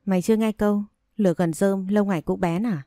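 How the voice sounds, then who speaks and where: A woman's voice: mid-range voice, fairly even intonation, fast, dark tone, no room sound, clean studio sound, faint music behind, close to an everyday voice. A woman reading a blunt, caring older sister. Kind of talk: audio story reading.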